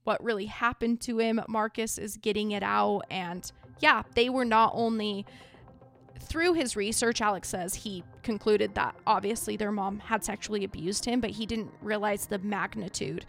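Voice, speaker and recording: Creaky-voiced woman podcaster with soft R's. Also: mid-range voice, normal speed. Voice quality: trouble pronouncing R's, says them like W's. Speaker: podcast host. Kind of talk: casual podcast talk.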